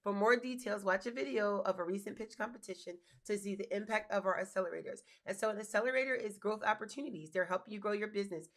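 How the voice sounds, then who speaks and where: A woman's voice: mid-range voice, quick pace, hardly any pauses. A chatty woman with a slightly scratchy voice. She talks casually to her viewers as she goes through an application. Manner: chatty, addresses viewers as y'all and guys. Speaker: business grants host. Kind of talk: casual screen-share walkthrough.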